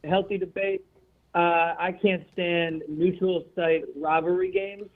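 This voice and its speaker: A man's voice: sits high, flat delivery, slow. A man from New Jersey calling in to a sports show, blunt and opinionated. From New Jersey, USA. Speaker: caller. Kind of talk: sports radio call-in. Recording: tinny phone line.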